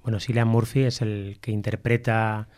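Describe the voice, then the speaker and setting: Jokey rambling radio host. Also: male voice, lowish voice, little pitch movement, normal speed, a little mellow. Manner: jokey, rambling, loses his train of thought. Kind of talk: casual chat.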